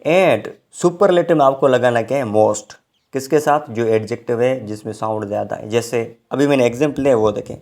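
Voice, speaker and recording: A man's voice: medium pitch, darkish tone. A man teaching English grammar in a recorded online lecture, explaining step by step and often checking in with his students. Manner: explains slowly, with frequent check-ins.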